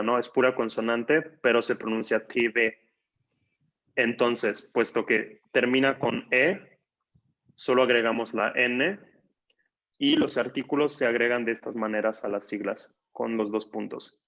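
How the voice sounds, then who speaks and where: Slow-talking guy teaching a class, patient, says words over and over, kinda dull lo-fi audio. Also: medium pitch, steady tone, fairly bright tone. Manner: patient, repeats words slowly, many "ujú" and "este". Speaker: Swedish teacher. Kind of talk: online language class.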